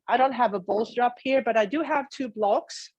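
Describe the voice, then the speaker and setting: Woman leading calm, unhurried guided relaxation. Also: a little high, no echo, muffled recording. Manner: calm, unhurried, soothing delivery with pauses. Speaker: yoga and meditation teacher. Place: indoor room in an old house, dry close sound.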